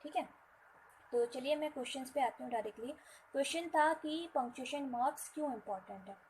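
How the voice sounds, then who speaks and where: Woman teaching, slightly high voice. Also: darkish tone, a little hiss or hum, rough recording. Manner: repetitive, checking in with "theek hai" and "right". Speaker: English teacher. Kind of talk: classroom explanation in Hindi mixed with English.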